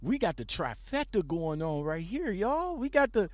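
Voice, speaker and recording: A man hosting a casual podcast interview, hyping up his guest with excited, repetitive phrasing. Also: high-pitched, normal speed, dry recording. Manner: animated, repetitive hype-man delivery. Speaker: podcast host.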